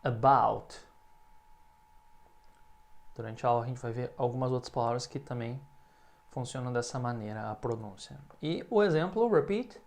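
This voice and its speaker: A man from Brazil teaching an English lesson in Portuguese, explaining patiently and saying the English examples slowly and clearly. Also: mid-range voice, a little mellow. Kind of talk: language lesson.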